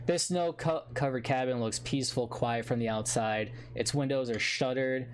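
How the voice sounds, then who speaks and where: A man narrating a tabletop game as game master, relaxed, with many fillers and laughs. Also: medium pitch, moderate pace. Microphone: home mic on a live stream.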